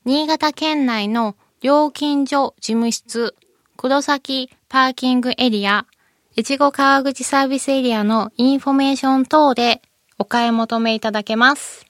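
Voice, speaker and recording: A woman's voice: high-pitched, fairly even intonation, measured pace, dry recording, clean studio sound. A woman guest with a cute, moe anime-girl voice, politely presenting scripted information as a company representative. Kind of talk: scripted informational interview segment.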